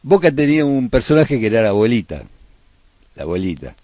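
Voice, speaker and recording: A man's voice: mid-range voice, big pitch swings, brisk, dark tone, dry recording. A man with an Argentine accent, a radio host telling playful football crowd stories in casual chat. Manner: playful, chanting bits of crowd songs in his stories.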